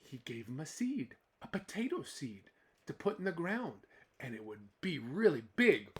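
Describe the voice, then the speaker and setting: A man with a fairly high, sing-song voice tells a children's folktale at a moderate pace. His storytelling is expressive, mixing reading with ad-libbing and peppered with dramatic exclamations and playful asides.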